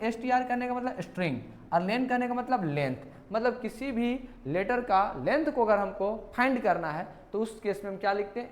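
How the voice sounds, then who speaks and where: A man's voice: sits high, a little hiss or hum. A male teacher, walking students through exam questions. He talks playfully and keeps asking questions back to the class. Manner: playful, repeats questions to students, calls them "beta". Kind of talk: exam question walkthrough lesson.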